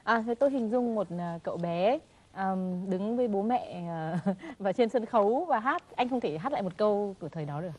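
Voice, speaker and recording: A woman hosting a TV interview, asking quick, prompting questions. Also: medium pitch, expressive. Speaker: TV talk show host.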